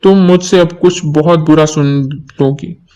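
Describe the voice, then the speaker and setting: A man's voice: on the high side, fairly even intonation, measured pace, mellow, clean tone, natural voice. A man reading a stern scolding mother. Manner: firm, scolding tone. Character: stern middle-aged mother, firm and scolding.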